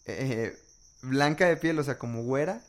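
A man's voice: mid-range voice, normal speed. Mexican young man chatting casually. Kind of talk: casual conversation.

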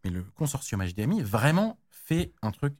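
Man, casual tech explanation, lively pitch, slangy, many fillers. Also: moderate pace. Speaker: tech guest expert.

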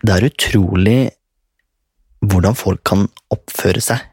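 A man's voice: deep voice, steady tone, vocal fry, darkish tone, husky, dry recording. A young man casually telling a story in a rambling way. He swears often and laughs as he goes.

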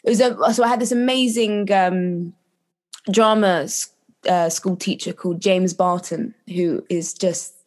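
A woman with a London accent chatting casually as an interview guest, telling stories in an animated, slangy way and acting out quoted asides. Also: fairly low pitch, measured pace. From London, England.

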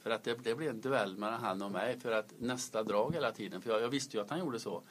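A man's voice: on the low side, a little hiss or hum. A man who used to coach, reflecting on his matches and explaining tactics at length. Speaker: podcast co-host, former coach. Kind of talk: casual chat.

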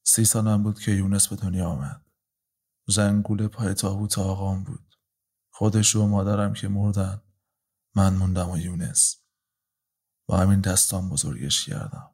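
A man performs a heavy, patient man in his fifties in an audio drama. He speaks slowly and calmly, half muttering, with a low voice that barely rises or falls. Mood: grim. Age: 50s. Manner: slow, calm, muttering. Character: heavy, patient older man, calm and bitter.

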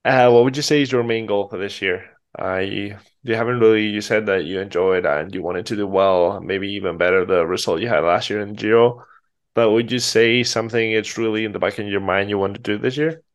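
A man's voice: fairly low pitch, a little fast. A man hosting a podcast, chatting casually and putting unscripted questions to his guest. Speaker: podcast host, interviewer. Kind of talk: casual unscripted interview chat.

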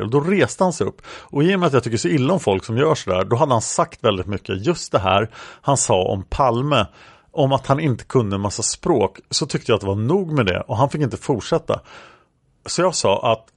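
A young woman witness recounting a café encounter, read out by a man. The reading is flat and unacted, in a gravelly low-creaking voice. The recording is dry and close. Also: no room sound. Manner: flat reading of transcript lines, speaker labels read aloud.

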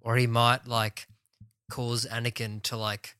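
A man's voice: medium pitch, little pitch movement, unhurried, sharp tone, clear, resonant tone, dry recording. A man on a podcast panel, talking things through with lots of hesitation and fillers. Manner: thoughtful, filler-heavy, hesitant. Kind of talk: casual chat.

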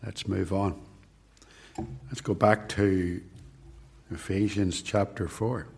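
A man preaching a sermon and reading scripture deliberately, with rhetorical repetition. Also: low voice, fairly even intonation, creaky, breathy edge.

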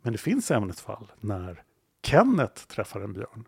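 Gravelly male podcast storyteller. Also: lowish voice, huge pitch swings, a little mellow, no echo, studio quality. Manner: dramatic storyteller, building suspense. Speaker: podcast host.

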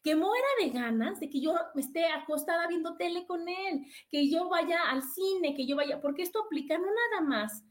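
A woman hosts her podcast in an easy, chatty way, with a high voice. She talks with expressive swings, acts out quoted exchanges in other voices and repeats key words for emphasis. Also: moderate pace, few pauses. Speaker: podcast host. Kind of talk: casual self-help talk.

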